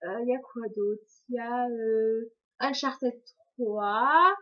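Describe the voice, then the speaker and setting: A young woman with a slightly high voice rambles through viewer questions in a casual vlog. She trips over her words and laughs at her own slips. The sound is dull and lo-fi, like a cheap webcam mic. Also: takes it slowly. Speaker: vlogger answering viewer questions. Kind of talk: casual chat to camera.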